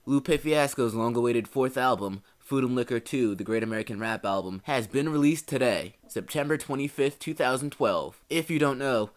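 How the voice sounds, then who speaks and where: A man's voice: mid-range voice, animated, normal speed, hardly any pauses. Young man reviewing an album. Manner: earnest, rambling commentary with dry asides. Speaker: music reviewer. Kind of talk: scripted album review narration. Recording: faint music bed behind voice.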